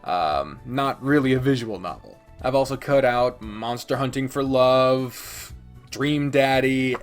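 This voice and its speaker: A man with a medium-pitched voice delivers a casual, opinionated countdown, sardonic and sweary, often cutting himself off the way a reviewer talks to his audience. He's a video reviewer and podcast host.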